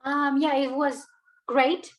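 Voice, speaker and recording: High-voiced woman, hesitant and chatty. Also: little pitch movement, slow, low-quality recording. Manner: hesitant, many fillers and restarts. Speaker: alumna guest. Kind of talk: casual interview answers.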